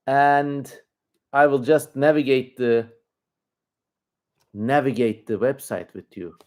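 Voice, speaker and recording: Male livestream host, Turkish accent, mid-range voice. Informal, rambling commentary, thinking out loud as he goes. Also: mid-range voice, slow. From Turkey.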